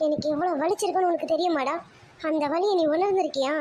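A woman's voice: very high voice, fast talker, mellow, slight background noise. A woman voicing a hurt young woman in a cartoon drama, accusing and reproachful. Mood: angry. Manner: reproachful, angry questioning.

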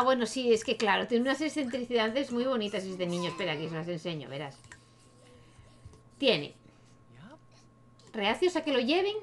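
A chatty young woman with a Spain Spanish accent narrates her life-sim game in a casual let's-play style. She talks straight to her characters and laughs easily. Her voice sits a little on the high side. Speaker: gaming youtuber.

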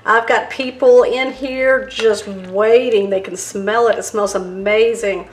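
Speaking slowly at a medium pitch with a steady tone, a woman hosts a home cooking demonstration, narrating step by step and enjoying the food as she tastes it. The camera shows her hands and countertop, and the roomy kitchen has faint music plus a little hiss or hum.

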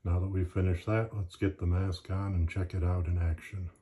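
A man giving a matter-of-fact, measured instructional narration as a presenter demonstrating gear. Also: sits low, flat delivery, mellow.

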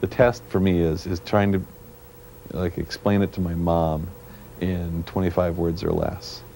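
A man from Canada, a programmer being interviewed, talking in a halting way and searching for his words, heard on a worn VHS tape copy. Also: sits low, level tone, music in the background. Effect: worn VHS tape copy with faint hiss. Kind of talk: casual interview talk. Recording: worn tape with faint hiss.

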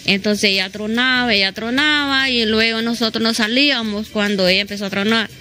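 Outdoors at her house, a middle-aged woman with a southern Honduran accent gives a local resident's spontaneous testimony into a reporter's handheld microphone. She repeats phrases and keeps adding "¿verdad?". Her fairly high voice is brisk and sharp with fairly even intonation, and there's slight background noise.

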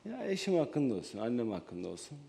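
Lively, mellow-voiced man guest. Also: medium pitch, quick pace, vocal fry. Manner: hesitant, then emphatic.

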